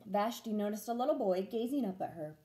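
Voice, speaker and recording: A young woman reading a picture book aloud to children, deliberate and expressive. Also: mid-range voice. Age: young adult. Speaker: teacher reading a story to children. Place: room at home.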